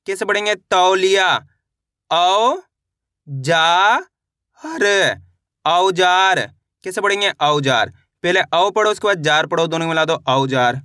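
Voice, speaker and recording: A man teaching children's reading, drilling each syllable slowly and asking his class how to read each word. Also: sits high, pushed and bright, clean tone, dry recording, clean studio sound. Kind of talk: online lesson.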